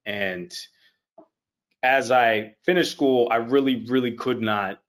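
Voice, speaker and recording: A man's voice: medium pitch, steady tone, slow. A young man from Haiti, an actor guest, chatting casually on a video call, easygoing and repeating his phrases. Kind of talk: casual interview chat.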